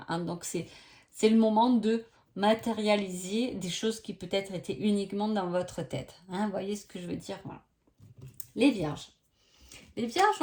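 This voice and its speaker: A woman's voice: mid-range voice, a little mellow. Chatty French-speaking woman reading oracle cards. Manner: chatty, many hesitations and tag questions. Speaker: oracle card reader. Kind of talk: casual astrology reading by sign.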